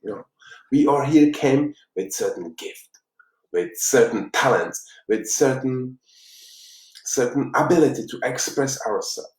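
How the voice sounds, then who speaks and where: A man from the Czech Republic with a Czech accent, a life coach giving an earnest, halting motivational talk on a live stream. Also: medium pitch, lively intonation, a little mellow. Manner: earnest, halting, with frequent restarts. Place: room in Los Angeles. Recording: roomy, distant mic.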